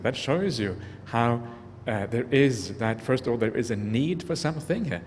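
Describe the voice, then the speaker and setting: Norwegian-born male monk, mid-pitched voice, earnest and reflective, speaking to the audience in a big echoing hall. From Norway. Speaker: Buddhist monk giving a talk. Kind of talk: dharma talk. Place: large convention hall. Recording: long hall reverb, faint background noise.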